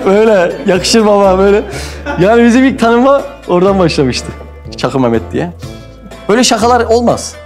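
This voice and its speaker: A man from Mersin, Turkey hosting and telling a comic anecdote in a lively way, acting out quoted voices. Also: sits high, brisk, music in the background. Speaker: host and storyteller. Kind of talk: animated comic anecdote storytelling.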